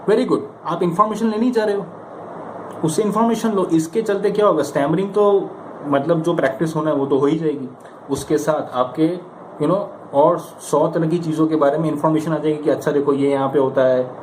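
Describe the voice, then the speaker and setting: In an echoey room with clear background noise, a stammering Indian man coaches briskly in a fairly high voice. The informal motivational talk offers practice advice in a conversational, emphatic, coaxing way, with rhetorical questions and examples he acts out.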